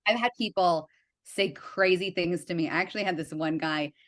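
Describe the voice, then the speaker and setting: A young adult woman, a guest in a casual conversation, telling stories in an animated way with lots of fillers and acted-out quotes. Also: on the low side, moderate pace. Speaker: guest, writer and art director.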